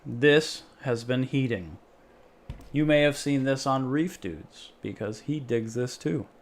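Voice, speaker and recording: While fiddling with a homemade project on his live stream, a man jokes around and rambles to chat. He speaks slowly in a medium-pitched voice, with a little hiss or hum on the recording.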